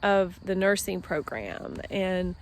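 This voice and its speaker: Lady rambling slow outside w her dogs, lots of ums and restarts. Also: lowish voice, lively intonation, slight background noise. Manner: rambling, many fillers and restarts. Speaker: vlogger. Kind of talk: casual outdoor vlog talk. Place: outdoors with trees and her dogs.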